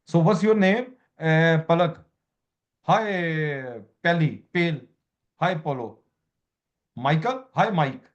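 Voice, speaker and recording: A man's voice: on the high side, expressive, slow pace, long pauses, lo-fi sound. A man lecturing a student as a law exam tutor, repeating key terms and quizzing her, in broken English. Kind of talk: informal lecture.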